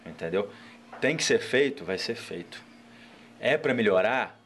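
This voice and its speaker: A man with a fairly low voice tells stories in a relaxed podcast chat, packing his talk with fillers. A faint hiss runs under the recording. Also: a little slow. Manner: animated storytelling, frequent "cara" fillers. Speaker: guest entrepreneur.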